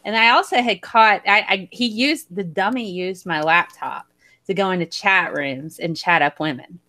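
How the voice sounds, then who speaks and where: A woman's voice: medium pitch, moderate pace, pushed and bright. A young woman on a video call, telling a personal story animatedly, laughing often and swearing when heated. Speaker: panel guest. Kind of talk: casual group video chat.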